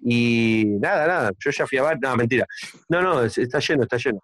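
A man with an Argentine accent telling crude jokes in a casual chat, acting out the characters with shouted lines and asides. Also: mid-range voice, brisk, no room sound. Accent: Argentine Spanish. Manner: animated, acts out joke characters with shouting and asides.

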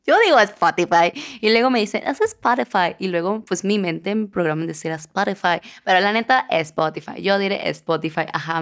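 Bubbly young Mexican woman hosting a podcast. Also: on the low side. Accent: Mexican Spanish. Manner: bubbly, effusive, laughs often. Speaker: podcast host. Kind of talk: casual solo podcast.

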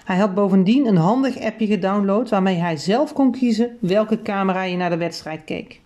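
A woman's voice: medium pitch, moderate pace, dark tone. Woman reading a children's book aloud. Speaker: audiobook reader.

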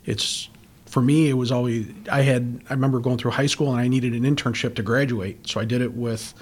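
Husky-voiced man speaking reflectively. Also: medium pitch, fairly even intonation. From from western New York. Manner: measured, reflective, with frequent fillers. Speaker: police chief. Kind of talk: conversational interview.

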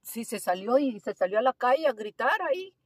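A woman who works as a driving instructor, telling a story in a casual interview, animated and slipping English phrases into her Spanish. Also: on the high side, fairly quick, breathy edge, no echo.

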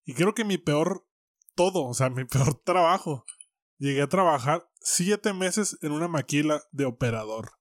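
Mexican man, teasing co-host, fairly high voice, dry sound. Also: animated, unhurried, no echo. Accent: Mexican Spanish. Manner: joking, teasing interjections. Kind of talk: casual chat.

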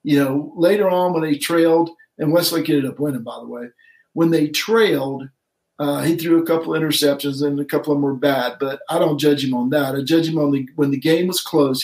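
A man's voice: fairly high pitch, darkish tone, roomy sound, low-quality recording. A middle-aged man co-hosting a casual sports podcast, rambling and correcting himself as he goes. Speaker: podcast co-host.

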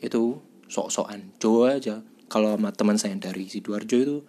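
A man's voice: lowish voice, a little fast, dark tone, lightly acted. A man putting on a bashful student with a fake Javanese twang. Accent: put-on East Javanese. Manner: polite, hesitant, says "Mas" often. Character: polite young male student guest, fake Javanese twang.

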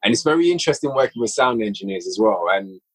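A podcast guest who writes and directs audio dramas talks about his creative work in a casual interview. His voice is lowish, animated, fast and slightly rough, and the audio quality is poor. He's reflective and repeats phrases for emphasis.

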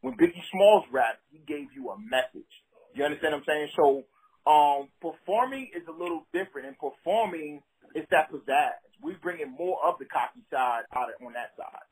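A man with a Brooklyn accent and a husky voice, a rapper talking casually in an interview in slangy, streetwise, emphatic phrases. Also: fairly high pitch, expressive, normal speed, poor audio. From Brooklyn, New York City.

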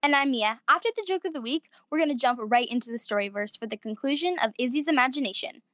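A woman co-hosting a children's podcast, reading a scripted intro in an upbeat, quick way. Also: high voice, animated, sharp tone, no room sound, studio quality. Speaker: podcast co-host.

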